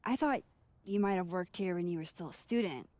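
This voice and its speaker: An actress playing a curious young woman who investigates, direct and probing, with a breathy voice. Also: fairly low pitch, fairly quick, darkish tone, no room sound, lightly acted.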